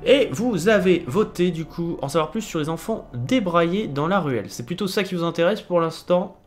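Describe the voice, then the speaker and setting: A man's voice: high-pitched, animated, normal speed, faint music behind. A man streaming a game live, reading the story text aloud and chatting with viewers between votes. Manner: reads game text aloud, chats with viewers, laughs often.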